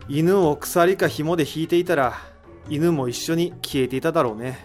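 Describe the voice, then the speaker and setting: Over faint background music, the voice actor speaks at normal speed in a voice on the high side with a darkish tone, close to how he'd sound every day. His analytical character confidently unpacks the mystery in explanatory dialogue, using rhetorical questions along the way.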